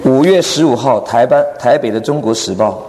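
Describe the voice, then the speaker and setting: A man's voice: medium pitch, moderate pace, a crowd in the background. A middle-aged or older man, a pastor giving a humorous sermon, joking and self-deprecating. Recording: echoey hall with background noise.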